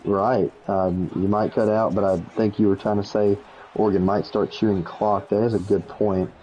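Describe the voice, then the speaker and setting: A man calling play-by-play for a video game league, quick and jokey, rising to shouts on big plays. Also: fairly low pitch, flat delivery, highs cut off. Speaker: play-by-play commentator.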